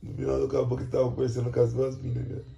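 A man's voice: medium pitch, completely flat delivery, racing, gravelly, mellow. A man from Brazil hosting a casual vlog chat, slangy and plugging a sponsor link, tagging lines with "certo, rapaziada?". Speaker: host.

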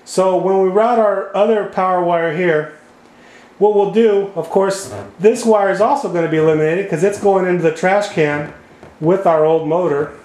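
A man's voice: high-pitched, moderate pace, darkish tone. A man explaining HVAC wiring step by step while he draws on a whiteboard, recorded by a camera over the board. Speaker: HVAC repair instructor. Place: indoor room at a whiteboard table. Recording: echoey room sound.

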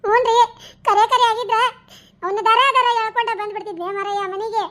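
A very shrill old village mother. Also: steady tone, a little fast, bright, forceful tone. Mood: grumbling. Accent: North Karnataka Kannada. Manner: wailing, pleading. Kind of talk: cartoon voice acting.

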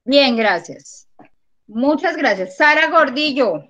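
A woman teaching a primary school math class over a video call, patient and encouraging, counting aloud slowly. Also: high-pitched, expressive, fairly bright tone. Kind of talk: online class. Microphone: computer mic on a video call.

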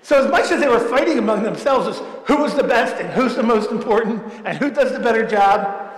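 High-voiced priest telling a Christmas story. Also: male voice, animated, brisk. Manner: simple storytelling, speaking to children. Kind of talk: Christmas homily told as a story. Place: large church. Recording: echoey church with long reverb.

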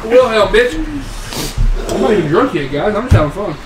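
A man co-hosting a podcast, joking loudly and swearing in casual banter with friends, laughing often. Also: sits high, animated, a little fast. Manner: loud, crude and profane, laughs often. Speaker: podcast co-host. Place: small room indoors, fan running. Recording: echoey room with background noise.

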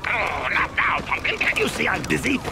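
A man's voice: high voice, huge pitch swings, moderate pace, gravelly, full character voice. A man voicing a manic, theatrical clownish supervillain in a video game, mocking and erratic, with music behind. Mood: frantic, irritated. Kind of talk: video game cutscene acting.

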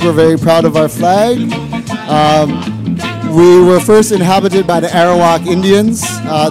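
Chatty man with a mixed Jamaican-Canadian accent. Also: high-pitched. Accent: mixed Jamaican and Canadian English. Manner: casual, joking, many fillers. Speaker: rum brand ambassador giving a presentation. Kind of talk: live presentation to an audience. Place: event hall.

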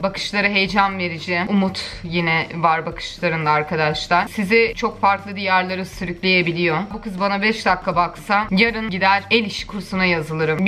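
Bright, gushing young woman vlogger. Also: medium pitch, slight background noise. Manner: playfully indignant, gushing, theatrical. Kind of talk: casual reaction commentary.

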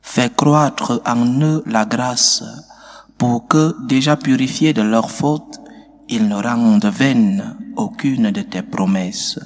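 Slow solemn priest in a reverberant church. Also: male voice, medium pitch. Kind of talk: liturgical prayer and gospel reading.

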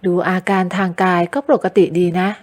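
A woman's voice: moderate pace, lightly acted. A woman voicing an anxious, sleepless young woman who speaks plaintively and politely in an audio novel. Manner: plaintive, polite ending particles. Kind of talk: audiobook character voice.

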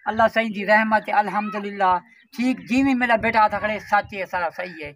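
An older man, the vlogger's father, speaking slowly outdoors at a building site, giving blessings. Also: high-pitched, fairly bright tone. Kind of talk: casual chat.

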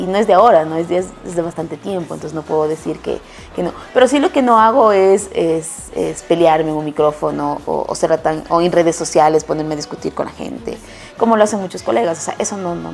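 Ecuadorian woman, sports journalist, low gravelly voice, chatty interviewee, faint music behind. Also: a little mellow. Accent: Ecuadorian Spanish. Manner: chatty, with frequent restarts and self-corrections. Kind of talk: casual interview answers and storytelling.

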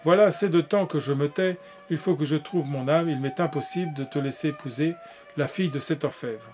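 A pale, heartsick young man pleads with his brother in a storybook reading, voiced by a man. His voice sits a little higher than usual and stays solemn and imploring. Faint music plays behind him. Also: brisk, darkish tone, close to an everyday voice. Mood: pleading.

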